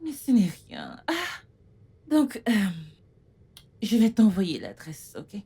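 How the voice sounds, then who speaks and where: An encouraging best friend. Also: female voice, medium pitch, wildly swooping pitch, slow, creaky, slightly rough, heavily acted. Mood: friendly. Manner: warm, encouraging, chatty. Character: friendly young woman, supportive best friend. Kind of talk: dubbed film acting.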